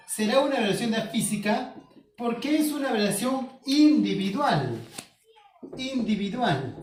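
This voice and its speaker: A Peruvian male teacher explains a lesson in his home, going over key terms again and again and asking himself the student's questions. His voice sits at an ordinary pitch and comes from a little away from the mic. The room is echoey, with faint noise behind him. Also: a little mellow, recorded from a distance. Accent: Peruvian Spanish. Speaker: school teacher. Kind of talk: home-schooling video lesson.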